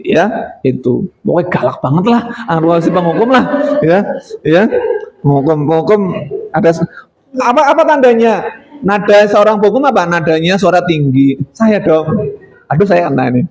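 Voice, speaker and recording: A man's voice: sits high, lively intonation, moderate pace, a little mellow, poor audio. A middle-aged male teacher, giving an informal training talk to colleagues, chatty with many fillers and acting out quotes.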